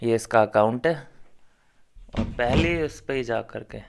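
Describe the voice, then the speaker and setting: A man's voice: mid-range voice, unhurried, creaky. A man commentating on a reality show, ranting heatedly and scornfully straight at his viewers.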